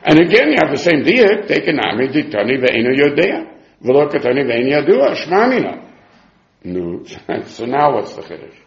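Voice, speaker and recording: A man's voice: medium pitch, moderate pace, vocal fry. Man, informal Talmud-style lesson, very swooping intonation, self-questioning, roomy echoing sound. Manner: animated, sing-song questioning and answering himself. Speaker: Talmud teacher. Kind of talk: informal religious text lesson, reasoning aloud. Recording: dull, echoey room recording.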